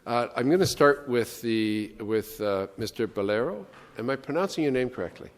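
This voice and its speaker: A man's voice: medium pitch, animated, moderate pace. A man from Ontario questioning presenters at a legislative committee hearing, rambling and conversational with many restarts. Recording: long reverb in a hearing room.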